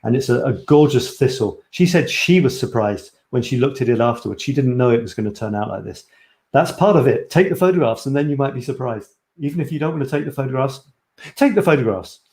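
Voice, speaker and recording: A man's voice: mid-range voice, expressive, a little fast, darkish tone, reverberant. A man from Scotland, a photography coach, presenting his course on a live stream in an eager, chatty way, often correcting himself mid-sentence. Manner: enthusiastic, chatty, self-correcting.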